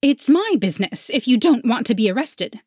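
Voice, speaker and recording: A woman voicing a stern winged female police officer who barks her words slowly and emphatically. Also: a little high, very animated, a little mellow, breathy edge, no echo, clean studio sound, pitched above the performer's own voice. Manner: barking, slow and emphatic.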